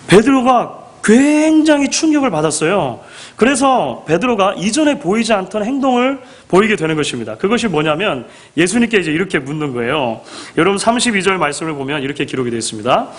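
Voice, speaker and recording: A man preaching a sermon, his voice sitting a little higher than most men's and swinging widely in pitch. He speaks in an animated way, acting out quoted lines, and keeps asking his listeners questions. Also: a little fast. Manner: asks the congregation rhetorical questions. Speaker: pastor.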